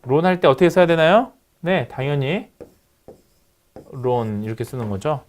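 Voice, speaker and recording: A man's voice: fairly high pitch, expressive, normal speed, a little mellow. A man lecturing on phonetics, asking his students questions and answering them himself as he works through examples. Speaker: university lecturer.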